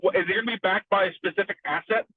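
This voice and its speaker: A man calling in on speakerphone while driving, asking halting questions with restarts over a phone line. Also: high voice, breathy edge, dry recording. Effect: phone call from a moving car on speakerphone. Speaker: panel participant calling in. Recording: tinny dry phone line.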